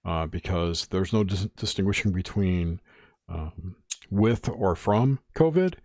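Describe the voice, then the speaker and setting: A man's voice: sits low, measured pace, darkish tone, no echo, clean studio sound. A man in casual, opinionated discussion, explaining details and adding corrections as he goes.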